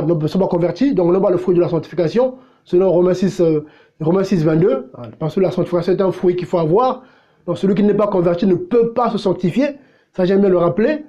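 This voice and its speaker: A man's voice: high-pitched, mellow, muffled recording. A pastor delivering a blunt, confrontational sermon, firing rhetorical questions at his listeners. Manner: blunt and unpolished.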